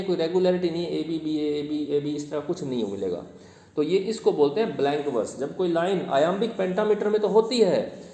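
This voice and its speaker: A man teaching a poem to his class, explaining each line in Hindi mixed with English terms and reading the verse slowly. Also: on the high side, warm tone. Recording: echoey room, long reverb.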